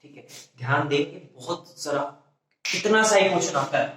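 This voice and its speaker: Teacher, male, fairly high voice, drills pupils with repeated questions, recorded from a distance in a very echoey room. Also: expressive, moderate pace, pushed and bright, slight background noise. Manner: repetitive call-and-response questioning, frequent self-corrections. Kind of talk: classroom biology lecture in Hindi-English mix.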